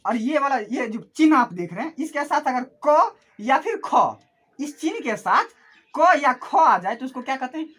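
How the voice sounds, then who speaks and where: A woman's voice: sits high, big pitch swings, moderate pace, fairly bright tone, breathy edge. A woman teaching an online class who asks questions and answers them herself, repeating each key term.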